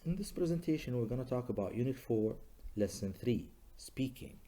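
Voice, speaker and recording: A male English teacher giving a recorded lesson to students, talking slowly and patiently and saying each example sentence several times. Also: mid-range voice, expressive, warm tone. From Libya. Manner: slow, patient, models sentences by repeating them.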